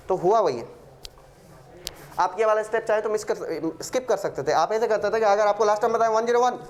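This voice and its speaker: A male maths teacher giving a classroom lecture, working sums aloud and joking and teasing with his students. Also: high voice. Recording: crowd of students audible.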